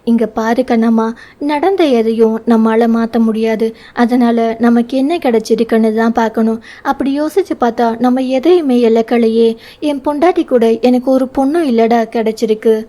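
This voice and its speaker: A woman's voice: fairly high pitch, moderate pace, close to an everyday voice. A woman reading the part of a young husband in an audio novel, teasing and tender by turns. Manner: playful teasing, turns soft and pleading.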